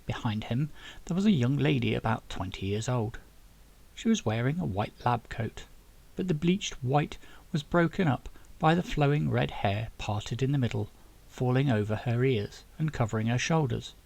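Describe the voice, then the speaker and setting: An author reads his own novel aloud, audiobook style, at a moderate pace. His husky, gravelly voice moves around in pitch with lively energy as he narrates.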